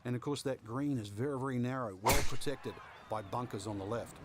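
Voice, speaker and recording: A man's voice: mid-range voice, brisk, close to an everyday voice. A man voicing a golf commentator in a video game, explaining the course in a conversational, analytical way. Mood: explanatory. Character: male golf analyst, advisory and knowledgeable. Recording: noisy background ambience.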